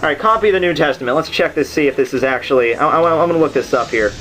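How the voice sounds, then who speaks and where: Racing along in a fairly high, slightly bright voice, a man hosting a literature summary series gives a loose, off-the-cuff explanation full of rambling and joking asides. The low-quality recording carries a little hiss or hum, and soundtrack music plays under him.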